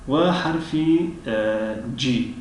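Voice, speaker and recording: A man with a Tajik accent teaching an English lesson. He pauses often with drawn-out fillers, clears his throat, and repeats each example word slowly. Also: mid-range voice, expressive. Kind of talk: language lesson. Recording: very echoey room, mic at a distance, faint background noise.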